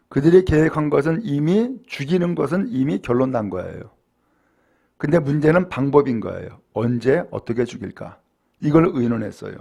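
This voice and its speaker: A man preaching a sermon as pastor. He asks rhetorical questions and swings from hushed, low storytelling to raised, emphatic preaching. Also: vocal fry, slightly rough. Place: church.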